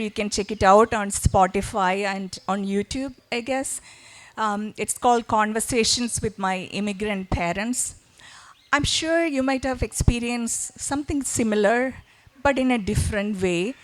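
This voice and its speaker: A woman's voice: mid-range voice, low-quality recording. Female panel moderator, mid-range voice, informal and conversational interviewing. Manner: conversational, loosely phrased questions with frequent "like".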